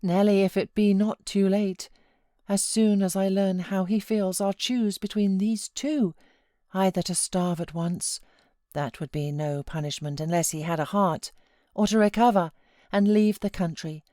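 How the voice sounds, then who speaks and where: Here a woman plays a feverish, self-pitying young married gentlewoman from a classic novel, full of dramatic outbursts and anguished pleading, indignant and desperate. Her mid-range voice runs a little slow, pitched above her own yet close to everyday speech. The recording is dry and studio-clean.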